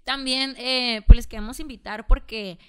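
Mexican woman, podcast co-host, smooth clear voice, casual slangy chat, laughs a lot. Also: fairly high pitch, fairly even intonation, normal speed. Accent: Mexican Spanish. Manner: laughs often, warm slang.

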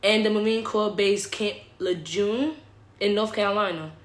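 A woman's voice: mid-range voice, fairly even intonation, normal speed. A woman casually hosting a trivia game, reading out questions. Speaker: quiz host. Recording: echoey room.

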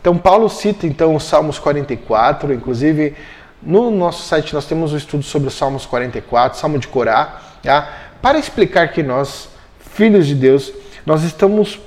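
A man leads a Bible study lesson in a fairly high voice. He explains each point step by step and keeps checking in with short asides to make sure everyone follows. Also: lively intonation, moderate pace, darkish tone. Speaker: Bible teacher.

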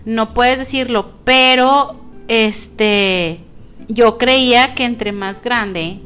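Bright-voiced Mexican woman in her forties. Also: on the high side, drawn-out words, smooth, soft background music. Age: 40s. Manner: expressive, laughs often, slangy. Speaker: podcast co-host. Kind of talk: casual chat.

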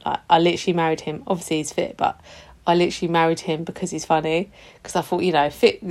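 A woman's voice: low voice, level tone, fast, darkish tone. A British woman in her thirties hosting a solo podcast in a casual, confessional and self-mocking way, informal and happy to swear. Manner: chatty, confessional and self-mocking, with frequent giggling. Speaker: podcast host.

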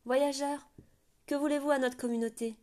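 Storybook child oracle, high earnest girl's voice, shrill lift, a woman putting it on. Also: steady tone, normal speed, a little mellow, natural voice. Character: young girl oracle, solemn and wary.

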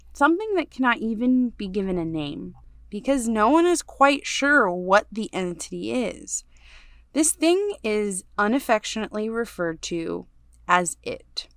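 A woman podcast host reading a ghost story aloud in a measured, storytelling way, going hushed on the dark parts. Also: medium pitch, expressive, smooth, dry recording, studio quality.

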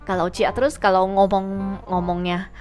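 Woman, mid-pitched, curious teasing co-host in casual chat, faint music behind. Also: fairly even intonation, moderate pace, a little mellow. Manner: curious, teasing, often tries out phrases.

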